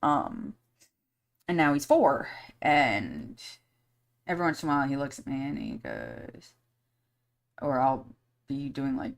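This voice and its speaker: A woman's voice: extremely low pitch, sing-song, measured pace, vocal fry, long pauses. A woman hosting a podcast live stream in casual chat, candid and blunt, swearing freely and rambling with many fillers. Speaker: podcast host.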